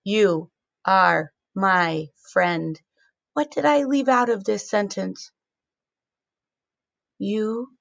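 A woman teacher giving a recorded morning lesson to young children, with a slow, sing-song, encouraging delivery. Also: medium pitch, vocal fry, no room sound, muffled recording.

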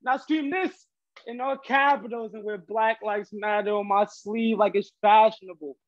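A man's voice: sits high, steady tone, normal speed. A young man, a student, performing spoken word poetry over a video call, with a rhythmic, emphatic delivery. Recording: dull lo-fi video call audio.

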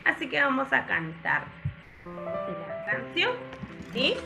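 A woman's voice: on the high side, very animated, slow pace, creaky, over loud music. A woman teaching young children a class in a coaxing, sing-song way.

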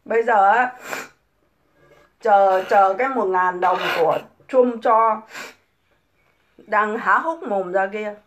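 A woman's voice: medium pitch, slow pace, long pauses, highs cut off, slight background noise. A middle-aged woman ranting scornfully on a casual livestream, full of mocking rhetorical questions. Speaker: livestream host.

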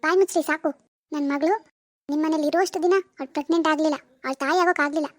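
A woman's voice: sits high, fairly even intonation, rapid-fire, dry recording, lightly acted. A woman voicing a furious middle-aged mother in a cartoon who accuses her daughter's in-laws. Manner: accusing, shouting blame. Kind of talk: animated cartoon voice acting.

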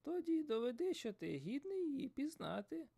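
A man voicing an old, wise male sage who speaks softly and solemnly. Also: very high-pitched, big pitch swings, normal speed, vocal fry, pitched above the performer's own voice, exaggerated voice. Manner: soft, solemn.

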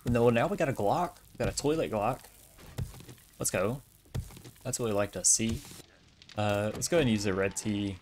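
Male gamer, low register, chatty self-mocking play-by-play, faint background noise. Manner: chatty, self-mocking, talks to himself while looting. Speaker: gamer playing a survival game. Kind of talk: casual gameplay commentary.

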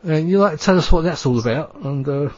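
A man's voice: a little high, animated, fairly quick, darkish tone, highs cut off, a little hiss or hum. A man with a London accent hosting a radio show, chatting casually and rambling with fillers. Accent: London English. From England.

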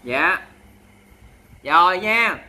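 A man's voice: high voice, lively intonation, very slow, bright, forceful tone. A man with a Southern Vietnamese accent hosting a charity livestream, chatting with viewers in a sassy, dramatic way and scolding them in jest. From Mekong Delta, Vietnam. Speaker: livestream host.

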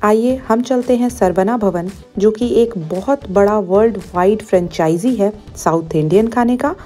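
A woman's voice: medium pitch, moderate pace, mellow, soft background music. A woman in her thirties narrating a casual food vlog in a chatty, upbeat way, slipping English phrases into her talk. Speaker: food vlogger.

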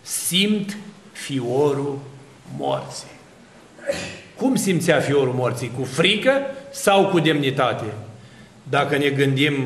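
A man's voice: medium pitch, echoey room, slight background noise. A man preaching an Orthodox sermon, asking rhetorical questions and building long spoken lists. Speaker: Orthodox priest.

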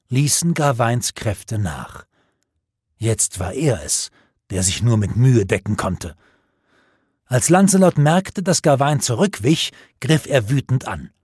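Husky male audiobook narrator. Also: mid-range voice, a little mellow, dry recording, clean studio sound. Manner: measured, dramatic storytelling.

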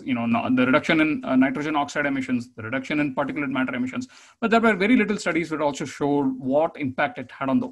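A man giving a webinar slide presentation over a video call, explaining steadily with many fillers and restarts. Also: on the high side. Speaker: conference presenter.

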